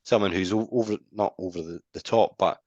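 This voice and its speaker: A man with a very low, deep voice tells stories in a loose, animated podcast chat. He slips into other people's voices to act out phone calls. The sound is close and dry, with no room around him. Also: brisk, no echo, highs cut off. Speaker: podcast co-host. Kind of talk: casual podcast conversation.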